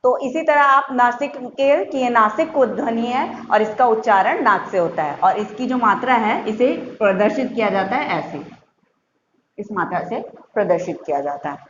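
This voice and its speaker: A woman teacher explaining a grammar lesson to young schoolchildren, patient, repeating points and sounding out examples slowly. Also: on the high side, expressive. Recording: muffled echoey room with faint hiss.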